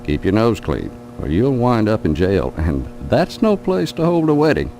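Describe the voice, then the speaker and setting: An actor voicing a folksy, skeptical small-town sheriff in a video game, paternal and admonishing, with a drawl. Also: male voice, fairly low pitch, big pitch swings, moderate pace, dark tone, a little hiss or hum. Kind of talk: video game character acting.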